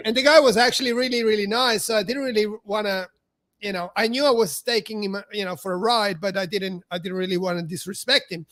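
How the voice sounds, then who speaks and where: A middle-aged man hosts a podcast, telling a story in a casual, chatty way that's heavy on fillers and full of acted-out quoted dialogue. His voice sits high with a fairly bright tone, and there's no room sound.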